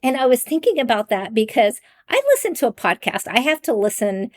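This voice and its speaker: A middle-aged woman hosting her own faith-based coaching podcast, talking earnestly with frequent ums and soft laughs. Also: on the high side, big pitch swings, a little fast. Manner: mimics raised greeting voices. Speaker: podcast host and life coach. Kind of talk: candid solo podcast talk.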